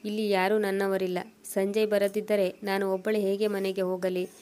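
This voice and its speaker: Woman reading an elderly mother, tearful, pleading, worried, even-pitched, storybook. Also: normal speed, natural voice. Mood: fretful. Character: worried elderly mother searching for her son.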